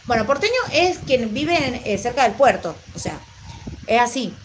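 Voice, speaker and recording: Woman, Mendoza Argentine accent, high-pitched, affectionate livestream chatter. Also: big pitch swings, moderate pace, a little hiss or hum, low-quality recording. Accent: Mendoza Argentine Spanish. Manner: chatty, affectionate, rambling with fillers. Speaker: vlogger reading live chat. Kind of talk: live stream chat.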